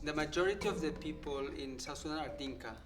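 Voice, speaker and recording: A man's voice: a little high, fast, over music. A man giving an explanatory documentary interview, often ending points with a tag question.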